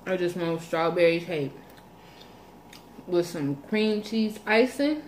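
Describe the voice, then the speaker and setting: A woman's voice: fairly low pitch, expressive, takes it slowly, a little mellow, slight background noise. A young woman chatting casually to camera as a vlogger, playful and rambling, with a folksy way of talking. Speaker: vlogger hosting an eat-with-me video. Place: small room indoors. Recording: roomy echo from phone recording.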